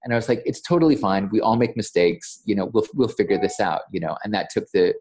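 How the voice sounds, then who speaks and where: A man's voice: on the low side, fast, darkish tone, slight background noise. A man, a voiceover coach, chatting as a podcast guest and retelling a mishap with lots of stammers and quoted dialogue. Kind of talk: casual interview storytelling.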